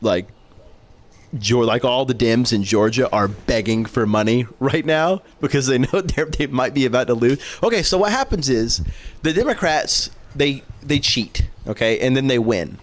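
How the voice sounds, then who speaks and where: Podcast guy rambling on, laughing through his words, middle pitch. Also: expressive, normal speed. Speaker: podcast co-host. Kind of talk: casual chat.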